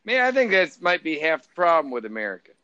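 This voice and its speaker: A man in casual chat, making wry jokes in a slow, drawn-out delivery. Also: fairly high pitch, big pitch swings, sharp tone, dry recording. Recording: dull, dry lo-fi sound.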